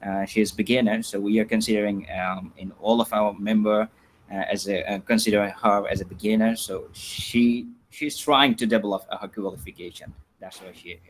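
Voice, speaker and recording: A man's voice: lowish voice, steady tone, moderate pace, slight background noise. A man moderating an online English study group, polite and thanking people often, with many fillers. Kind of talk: online group session hosting.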